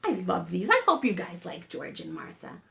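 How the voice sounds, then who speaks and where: A female storytime host gives an animated read-aloud for preschoolers, coaxing them with questions. Her fairly low voice is gravelly and sharp, with wildly swooping pitch at a moderate pace.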